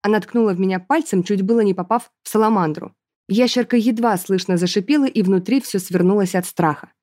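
A woman narrating a first-person fantasy audiobook in a lively, expressive way. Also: mid-range voice, a little fast.

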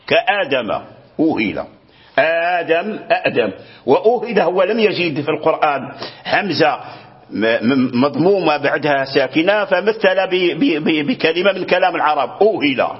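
A man's voice: a little high, highs cut off. A man teaching Quran recitation rules, repeating words, restarting often and checking that his student follows. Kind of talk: explaining a lesson to a student.

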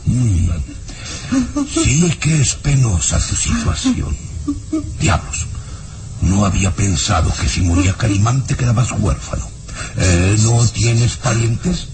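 An actor playing a sly villainous baron who feigns sympathy, in old-time radio drama style, with a smooth, drawn-out delivery. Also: male voice, on the low side, big pitch swings. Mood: scheming. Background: dramatic background music.

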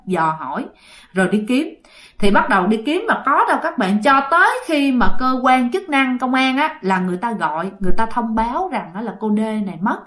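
A woman's voice: fairly high pitch, fairly bright tone. A woman with a Southern Vietnamese accent telling a ghost story, chatty and dramatic, addressing her listeners directly. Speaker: storyteller host.

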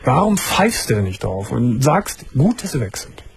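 A man's voice: medium pitch, moderate pace, creaky, slight background noise. A man hosting a late-night radio call-in show, asking a caller probing questions and cutting in firmly to make his point. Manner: probing, interrupts firmly, steady agreeing murmurs. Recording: radio broadcast studio mic.

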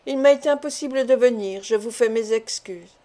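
A woman's voice: fairly high pitch, fairly quick, mellow, close to an everyday voice. A woman voicing a young man in love who answers his father in a tense, formal and trembling way, in an audiobook reading.

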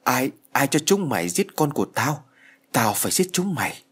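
A man's voice: on the low side, sing-song, moderate pace, slightly rough, heavily acted. A man voicing a deranged, vengeful woman who threatens revenge in a horror audiobook. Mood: menacing. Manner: menacing, threatening.

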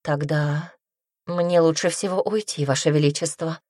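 A woman's voice: deep voice, steady tone, moderate pace, a little mellow, no echo, clean studio sound. A woman voicing a young heroine who answers a king in a guarded, polite way. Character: flustered young woman, the king's hound.

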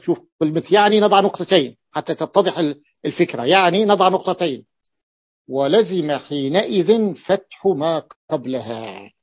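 Patient male grammar teacher, lo-fi. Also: on the high side. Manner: explains patiently, repeats key points to students. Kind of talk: explaining a classical grammar text. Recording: dull lo-fi recording.

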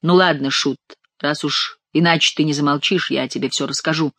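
A woman's voice: low-pitched, steady tone, moderate pace, a bit bright, no room sound. A woman voicing a frightened, gloomy male king who speaks weakly and hesitantly. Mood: weary. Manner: weak, hesitant, mournful.

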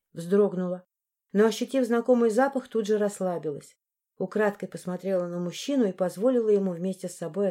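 A woman reading a first-person romance novel aloud in an emotional, expressive way. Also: mid-range voice. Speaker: audiobook narrator.

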